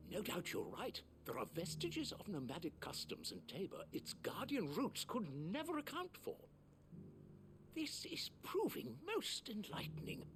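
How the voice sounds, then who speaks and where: An actor playing a fussy, curious old male scholar in a video game, speaking with an eager, breathy voice. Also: high-pitched, wildly swooping pitch, measured pace, exaggerated voice. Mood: scholarly, eager. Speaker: game character. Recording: game audio with background noise.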